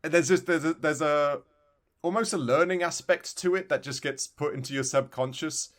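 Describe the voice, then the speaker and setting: His voice sits on the high side and sounds a bit bright as he co-hosts a podcast. At a moderate pace he gushes and meanders through a laid-back video game discussion.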